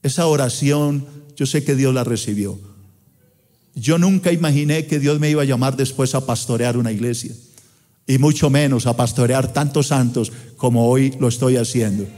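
Impassioned Colombian pastor in echoing auditorium. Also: male voice, moderate pace, warm tone. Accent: Colombian Spanish. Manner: impassioned preaching with sweeping pitch swings. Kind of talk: sermon. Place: large church auditorium. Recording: long hall reverb in church auditorium.

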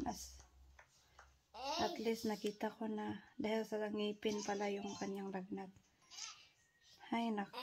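A young mother chatting casually to her viewers, mixing in English. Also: mid-range voice. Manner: chatty, talks to viewers as "guys", mixes English in. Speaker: mother vlogging about her baby. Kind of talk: casual home vlog. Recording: clear background noise.

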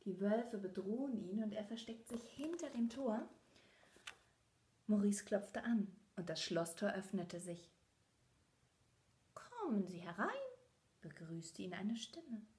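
A woman reads a storybook aloud to young children at an unhurried, slow pace. She often drops into a whisper for suspense and turns aside to talk with her listeners, at a middle pitch. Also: dark tone. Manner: talks directly to children between passages. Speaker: children's book reader.

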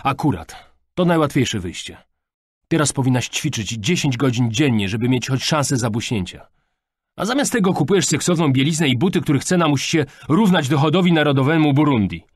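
A man's voice: medium pitch, lively intonation, moderate pace, breathy edge, no echo, clean studio sound, voice pushed up. A man voicing a strict, overprotective father who scolds in a raised voice. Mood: angry.

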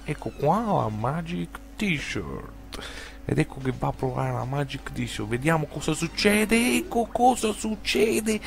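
A man playing an excitable infomercial host, hyping a product in an exaggerated, emphatic parody sales pitch with drawn-out slogans. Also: vocal fry. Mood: mock dramatic. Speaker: TV shopping host.

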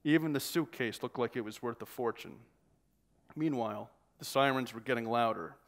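Man, author, reading from a novel, measured, steady. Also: mid-range voice.

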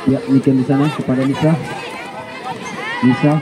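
A man gives live futsal commentary in an excitable way, shouting drawn-out names and goal calls. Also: medium pitch. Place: outdoor village futsal court. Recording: noisy outdoor court, crowd behind. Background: spectator crowd noise.

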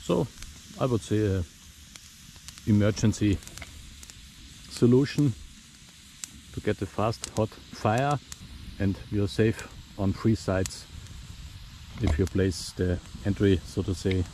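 The recording is rough, with a little hiss or hum, as a German-accented bushcraft instructor, a native German speaker, explains a camp stove step by step in a forest for an outdoor demonstration vlog. His lowish, mellow voice takes things slowly, with long pauses and plain, simple phrasing.

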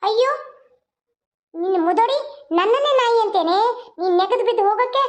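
A woman's voice: very high voice, lively intonation, a little fast, darkish tone. A woman voicing a scheming, spiteful young woman in a cartoon, with a sneering, taunting manner. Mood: outraged. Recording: dull lo-fi.

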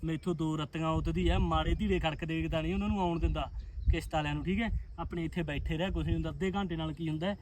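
Fast-talking bossy man in a comedy skit. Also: a little high, steady tone, a little mellow, a little hiss or hum. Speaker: comedy sketch actor.

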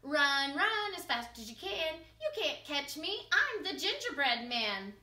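A cocky little gingerbread man, as a woman puts him on, yells his taunts high and loud in a bouncy sing-song. His bright, sharp voice rings around a roomy space, heard from a little way off. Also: big pitch swings, a little slow, heavily acted. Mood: taunting. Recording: roomy echo from a distance.

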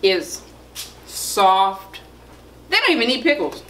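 A woman hosting a casual food review, chatty and lively, laughing often. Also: mid-range voice, takes it slowly, roomy sound, a little hiss or hum. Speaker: food vlogger host.

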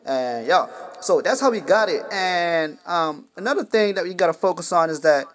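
A man's voice: high-pitched, animated, normal speed, fairly bright tone. A young man hosting a casual music-app tutorial, rambling with lots of fillers and slang. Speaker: music production tutorial host. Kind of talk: casual screen-recorded tutorial.

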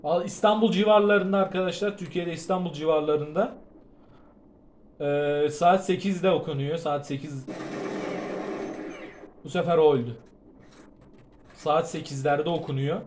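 A man giving gameplay commentary, excitable and prone to panicked shouting, tired from fasting, with a sore throat. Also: a little high. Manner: excitable, shouts and yelps in panic, then drops to muttering. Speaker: gaming video creator.

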